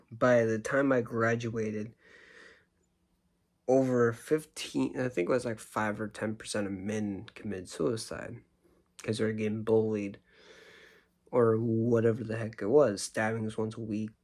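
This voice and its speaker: A man's voice: fairly low pitch, darkish tone. A tired young man yawning as he rambles through a casual story on his vlog. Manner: rambling, restarts sentences. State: sleepy, yawning. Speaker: YouTuber.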